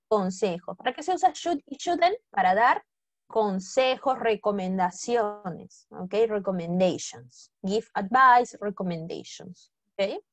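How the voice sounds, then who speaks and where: A woman's voice: medium pitch, expressive, slow pace, no echo. A woman teaching an English lesson, coaxing students with constant questions and repetition. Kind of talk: classroom lesson explanation.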